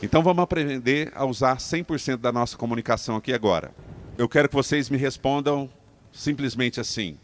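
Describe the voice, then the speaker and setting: A Brazilian man gives a live lesson on speaking to a group of leaders, his voice at an ordinary middle pitch. He talks with energy and emphasis, and keeps turning to the audience with questions. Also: lively intonation, fairly quick, slight background noise. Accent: Brazilian Portuguese. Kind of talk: live talk to a seated audience. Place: training room with a live audience.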